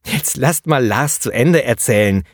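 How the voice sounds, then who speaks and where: A man's voice: mid-range voice, expressive, measured pace, dry recording, studio quality. A man voicing a cheerful female kindergarten teacher who coaxes the children in a sing-song, raised voice. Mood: coaxing.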